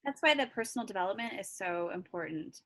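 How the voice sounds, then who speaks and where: A woman's voice: mid-range voice, expressive, fast talker, fairly bright tone. A tired woman hosting a team call on a video call, chatty and encouraging. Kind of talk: casual chat on a video call.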